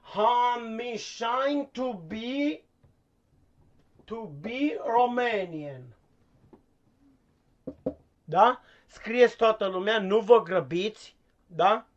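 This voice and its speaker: A man's voice: high-pitched, natural voice. A foul-mouthed, impatient English teacher who barely knows the language, as a man puts him on in a comic stream sketch. He scolds, swears and stammers through the lesson. The sound is dull and lo-fi. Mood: exasperated. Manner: scolding, cursing, stumbling over words.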